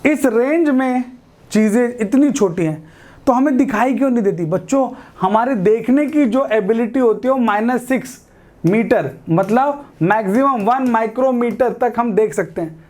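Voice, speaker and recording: A man's voice: very high-pitched, moderate pace, darkish tone. A man with an Indian accent teaching a chemistry lesson, chatty and often checking that the students follow. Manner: chatty, asks rhetorical questions, mixes English into Hindi. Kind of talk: classroom lecture.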